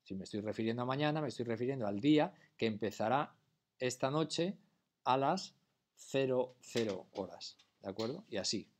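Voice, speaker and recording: A man's voice: mid-range voice, expressive, normal speed. A man teaching a class, explaining patiently and often checking whether students follow. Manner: patient, keeps checking understanding with questions. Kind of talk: classroom lecture.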